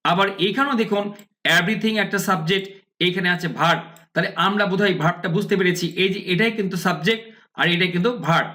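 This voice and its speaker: A man teaching an English lesson. He reads English words slowly, then translates and explains them, and often addresses viewers as friends. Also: sits high, sharp tone. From Bangladesh.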